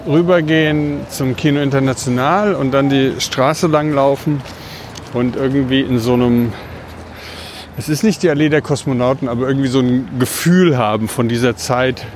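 A man's voice: mid-range voice, steady tone, moderate pace. A man co-hosting a casual podcast, talking as he walks outdoors through the city. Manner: talking while walking outdoors. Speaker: podcast co-host. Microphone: wireless transmitter mic. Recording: faint urban street noise.

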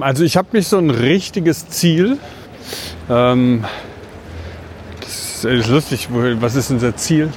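A man co-hosting a casual podcast, talking as he walks outdoors through the city. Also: mid-range voice. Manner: talking while walking outdoors. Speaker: podcast co-host. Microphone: wireless transmitter mic. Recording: faint urban street noise.

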